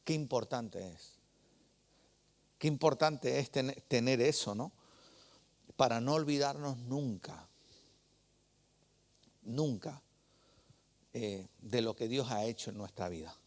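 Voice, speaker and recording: A man's voice: medium pitch, slow pace, long pauses, a little mellow. A man preaching a sermon, telling stories in a conversational way and asking the congregation rhetorical questions.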